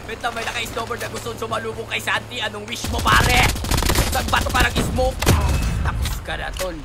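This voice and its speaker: A man giving excitable, slangy commentary while playing a shooter game, often shouting and joking. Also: very high-pitched, brisk, vocal fry. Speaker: gaming streamer. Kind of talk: live gameplay commentary. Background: loud game music and gunfire.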